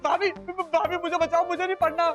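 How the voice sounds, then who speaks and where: A man's voice: sits high, animated, moderate pace. A stammering, timid young man. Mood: panicky. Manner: stammering, panicky pleading. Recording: sitcom audio with loud background music.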